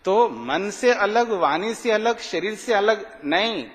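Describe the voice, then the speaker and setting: Swami-type preacher, male, high-pitched, unhurried, repeats his questions, chants Sanskrit, long hall reverb. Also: lively intonation. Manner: slow, deliberate teaching with repeated rhetorical questions; chants Sanskrit phrases slowly. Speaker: swami giving a morning discourse. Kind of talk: religious discourse.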